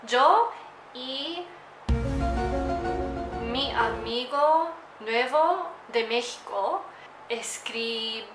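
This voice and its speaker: A young woman, a native English speaker with an English accent in Spanish, chatting casually for a vlog and haltingly searching for words. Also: on the high side, animated, over music. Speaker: language-learning vlogger. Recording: echoey room, faint background noise.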